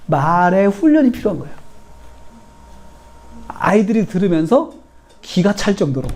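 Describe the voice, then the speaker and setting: A middle-aged man preaching a sermon in a mellow, fairly high voice. He repeats his points earnestly and slips into a raised, lively voice for quoted speech. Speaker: pastor.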